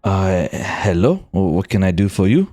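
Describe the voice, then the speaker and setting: Man acting wary male game character, blunt, indignant, halting, lowish pitch, faint music behind. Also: lively intonation, warm tone, no room sound, clean studio sound. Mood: defensive. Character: wary, blunt, sweary man refusing to cooperate.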